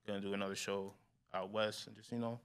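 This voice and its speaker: A man in his twenties, a rapper guest chatting casually in a slangy, laid-back way that trails off quietly. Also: on the low side, flat delivery, quick pace, creaky, clear, resonant tone. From New York. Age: 20s. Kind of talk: casual interview chat.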